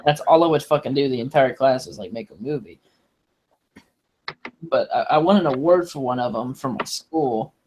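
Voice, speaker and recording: A man's voice: medium pitch, normal speed, a little mellow, a little hiss or hum. A man in a casual online group chat, rambling along and swearing heavily as he goes. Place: online voice call livestream.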